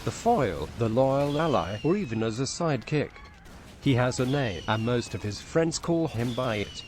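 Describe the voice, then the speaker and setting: Computer-voiced male narrator: text-to-speech, flat machine delivery, faint hiss behind. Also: mid-range voice. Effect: synthetic text-to-speech computer voice. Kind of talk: reading a written story aloud.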